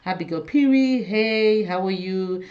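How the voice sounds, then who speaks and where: A hair care vlogger hosts a casual live stream, greeting viewers by name as she chats and frequently restarting her sentences. Her voice is mid-range and measured in pace. The audio sounds dull.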